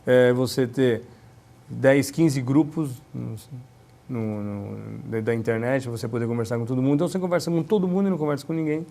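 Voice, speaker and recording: A man talking in a relaxed conversation, animated and acting out dialogue, often ending points with tag questions. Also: mid-range voice, brisk, creaky. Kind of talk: casual conversation.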